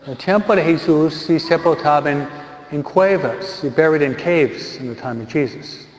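Slow-preaching man in an echoey church. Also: fairly high pitch, slight background noise. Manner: slow, deliberate preaching, switching between Spanish and English. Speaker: priest. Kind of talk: funeral homily. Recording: echoey church hall, slightly dull sound.

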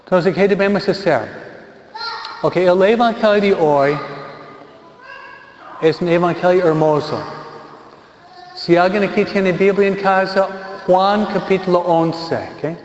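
A man preaching a funeral homily as a priest, slow and deliberate, moving between Spanish and English. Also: sits high, slight background noise. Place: church. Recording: echoey church hall, slightly dull sound.

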